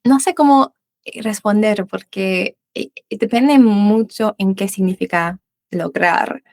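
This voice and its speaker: In a slightly mellow, medium-pitched voice, a young Australian woman speaks slowly with no echo. A native English speaker who teaches English, she is the guest in a casual interview, answering in learner Spanish that uses Uruguayan voseo and is dotted with restarts and fillers.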